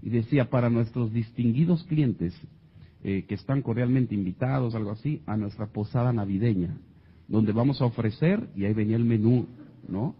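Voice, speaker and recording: With a Mexican accent, a man tells an audience a comic personal story, animatedly acting out the voices of the people in it. His voice is medium-pitched with a breathy edge at a moderate pace, and the audio is dull.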